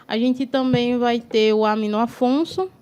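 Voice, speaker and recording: A woman's voice: fairly high pitch, steady tone, moderate pace, darkish tone, smooth. A woman northeastern Brazil, a guest on a studio talk show, explaining history at length in a lecturing way and often ending with "né". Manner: lecturing, frequent tag "né".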